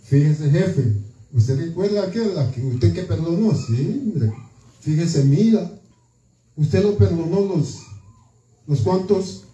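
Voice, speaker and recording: A preacher putting on gossipy servants telling tales. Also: male voice, fairly high pitch, expressive, takes it slowly, long pauses, dark tone, voice pushed down. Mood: tattling. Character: fellow servants tattling to their master, men. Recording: echoey church from far off.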